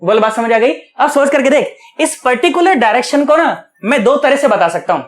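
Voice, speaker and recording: A man teaching physics at a board, asking questions and answering them himself in a chatty, coaxing way, repeating key words slowly. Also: very high voice, lively intonation. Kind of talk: online lecture, explaining at a board.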